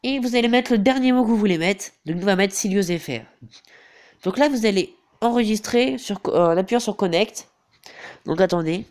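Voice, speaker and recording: A teenage gaming YouTuber with a head cold walks viewers through a game tutorial over his screen in a high, slightly mellow male voice at a moderate pace. He hesitates a lot and leans heavily on filler, repeating "donc voilà" again and again.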